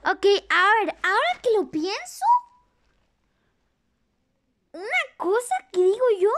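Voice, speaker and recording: A YouTuber in a put-on cartoonish character voice gives excited reaction commentary, repeating exclamations while watching and chatting with the audience. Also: extremely high pitch. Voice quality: a put-on cartoonish character voice, not the speaker's real one. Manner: chatty with the audience, laughs at own slips. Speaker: YouTuber reacting to an animated series.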